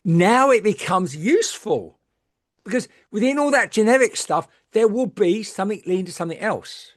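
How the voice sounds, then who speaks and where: A middle-aged woman, a medium, telling candid stories in lively chat, swearing freely and acting out the people she quotes. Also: mid-range voice, normal speed. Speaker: guest medium.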